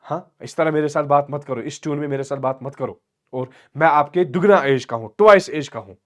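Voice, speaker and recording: A man voicing an older father who talks down softly and condescendingly, acted out for a class. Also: fairly high pitch, brisk, natural voice. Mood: stern. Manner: soft, patronizing, sugary.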